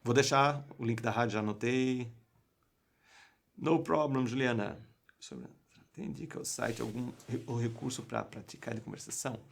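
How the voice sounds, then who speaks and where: A young man from Brazil leads a live online lesson as an English coach. He talks in an emphatic, pushing way and keeps throwing rhetorical questions at his viewers. His voice sits at a middle pitch for a man. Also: normal speed, creaky. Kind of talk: live online class talk.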